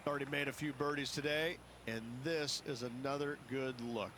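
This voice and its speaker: A man playing an opinionated golf commentator, giving emphatic, measured analysis in a video game. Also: mid-range voice, steady tone, sharp tone, close to an everyday voice. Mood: emphatic, appraising. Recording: clear outdoor ambient noise behind.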